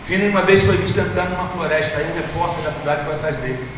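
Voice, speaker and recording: A Brazilian man preaching a sermon in church, moving from hushed storytelling to impassioned shouting. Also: a little high, quick pace. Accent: Brazilian Portuguese. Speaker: pastor. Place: church service. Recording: echoey hall from far off, noisy.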